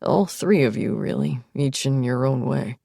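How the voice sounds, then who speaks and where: A calm, friendly middle-aged man remembers old friends in a soft, wistful way, read by a woman in her own low voice. The tone is gravelly and husky. It sits close and dry in the ear, as in an audiobook. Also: measured pace, no room sound, exaggerated voice. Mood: reflective.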